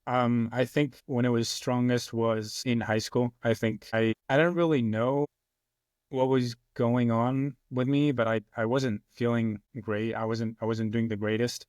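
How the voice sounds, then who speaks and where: A man's voice: medium pitch, little pitch movement, a little slow, darkish tone, dry recording, studio quality. A man in his twenties from Argentina, a podcast guest speaking thoughtfully and a little hesitantly. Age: 20s. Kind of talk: casual conversation.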